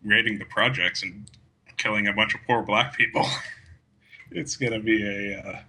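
A man's voice: fairly low pitch, fairly even intonation, normal speed, bright, forceful tone, breathy edge, rough recording. A man talking through a film in a casual discussion, rambling with many fillers and frequent laughs. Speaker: podcast co-host.

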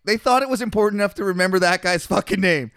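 A man with a high voice co-hosts a casual comedy podcast. He reads scripture aloud and then riffs on it, laughing often. The sound is close and dry. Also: fast, fairly bright tone, clear, resonant tone, dry recording. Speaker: podcast co-host. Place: hot small room, seated.

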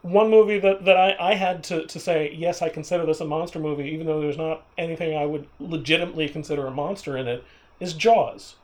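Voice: medium pitch, steady tone, fast talker. A person chatting casually on a film panel, repeating words while forming thoughts. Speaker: movie podcast panelist. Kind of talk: casual discussion.

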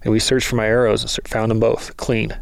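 A man telling a lively story in casual talk, acting out the quoted lines of others. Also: fairly low pitch, fairly quick, gravelly, no echo. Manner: animated storyteller, acts out quotes. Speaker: guest, bow hunter.

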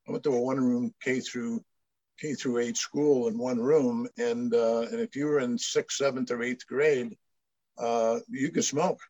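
A man's voice: mid-range voice, steady tone, a little slow, darkish tone. Older man from Maine, rambling. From Maine, USA. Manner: rambling storyteller with frequent restarts. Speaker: guest. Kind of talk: casual chat. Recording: dull lo-fi dry sound.

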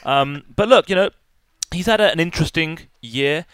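A man's voice: on the high side, animated, normal speed, fairly bright tone, clear, resonant tone, dry recording. A man guesting on a fight podcast, talking in an easygoing way with plenty of ums. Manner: easygoing, many filler ums. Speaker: podcast guest, MMA journalist. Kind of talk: casual post-fight recap chat.

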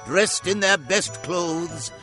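An actor playing a jolly, commanding giant spirit of Christmas in a radio drama, declaiming heartily. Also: male voice, high-pitched, slow pace, music in the background. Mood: grand, exuberant.

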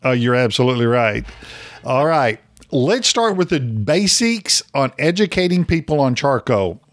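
A man hosting a podcast in a relaxed, brisk way. His voice sits at an ordinary middle pitch. He puts his questions to a guest plainly and casually. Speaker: podcast host. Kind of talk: casual interview.

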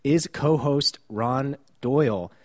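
A man's voice: medium pitch, slow pace, darkish tone. A man hosting a casual local news podcast, wry and joking as he recaps the year's stories. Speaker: podcast host.

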